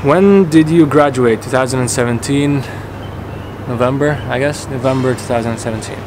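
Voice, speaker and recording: Man, 20s, casual vlog Q&A, mid voice, roomy sound with steady background noise. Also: medium pitch, moderate pace. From Canada and Qatar. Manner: relaxed, chatty, frequent fillers and restarts. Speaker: YouTuber answering viewer questions. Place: home office, then outdoor courtyard. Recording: echoey room with clear background noise.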